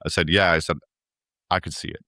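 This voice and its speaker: Deep-voiced man telling a story. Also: fairly quick, dry recording, clean studio sound. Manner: animated storyteller acting out others' lines. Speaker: podcast co-host. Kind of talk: casual conversational storytelling.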